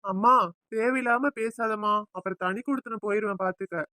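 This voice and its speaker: A woman's voice: mid-range voice, brisk, bright, forceful tone, dry recording, clean studio sound, close to an everyday voice. A woman voicing a devoted young husband in a family cartoon, affectionate with his wife and firm with his mother.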